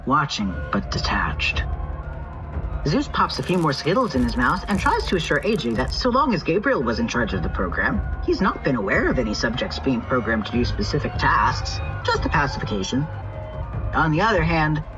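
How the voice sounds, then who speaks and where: A narrator reading a scripted recap of a tabletop role-playing game in an expressive storytelling manner. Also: medium pitch. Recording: muffled recording with music behind.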